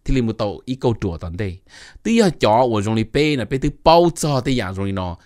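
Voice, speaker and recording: A middle-aged man hosting a casual informational talk, animated and mixing in English terms. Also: lowish voice, fast, dry recording, studio quality. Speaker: host giving advice.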